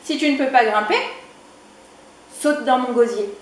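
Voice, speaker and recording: A woman reading aloud as a plucky little chick in a children's storybook, crying out high and shrill. The voice rings in a very echoey room, unhurried between its calls. Faint ambience sits behind it. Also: a little hiss or hum. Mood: determined. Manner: high, cries out loudly. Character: small brave male chick, plucky and shrill.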